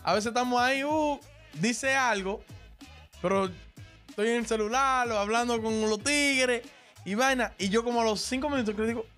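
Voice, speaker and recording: A man's voice: very high voice, moderate pace, fairly bright tone, soft background music. A man hosting a casual comedy podcast, joking and laughing often. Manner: joking, laughs often, sing-song intro. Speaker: podcast host.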